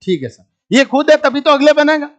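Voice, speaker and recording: Teaching chemistry to a live class, this man has a very high, lively voice and speaks briskly, though the audio's highs are cut off. He teases his students and walks them step by step through structures, asking them to supply the answers.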